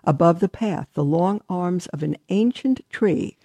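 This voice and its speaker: A woman's voice: on the low side, measured pace, slightly rough, no room sound. A woman religious sister hosting a live show, chatting briefly and then reading a Christmas story aloud to her listeners. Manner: warm, chatty aside, then steady storytelling.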